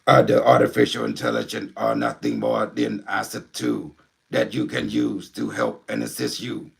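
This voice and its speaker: A man with a creaky, mid-range voice plays a calm, helpful male robot intelligence from the future. He speaks slowly and mechanically, in the style of system announcements.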